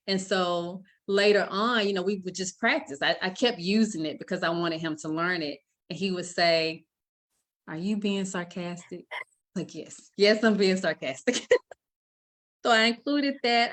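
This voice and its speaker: A middle-aged woman, an author answering interview questions in an earnest, warm way, often laughing lightly. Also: on the low side. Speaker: children's book author.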